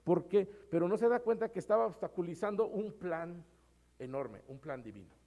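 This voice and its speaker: Male pastor, relaxed conversational sermon delivery, voice slightly higher than average. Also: moderate pace. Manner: conversational preaching, often adds "hermanos".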